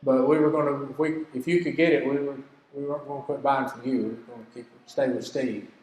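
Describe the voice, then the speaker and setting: A man's voice: medium pitch, steady tone, quick pace, darkish tone, slight background noise. An older man gives a homespun, earnest business lesson, full of stories and folksy turns of phrase. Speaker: business teacher. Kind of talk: folksy teaching talk. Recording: echoey hall with long reverb.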